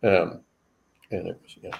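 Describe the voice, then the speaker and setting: A male panel guest explaining technical details in a halting way, often repeating words as he goes. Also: slight background noise.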